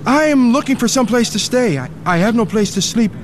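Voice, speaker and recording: A man's voice: very high-pitched, animated, brisk, a little hiss or hum. A man from Ethiopia narrating his own story in an earnest first-person radio drama. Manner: earnest, pleading when frightened. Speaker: narrator and lead character.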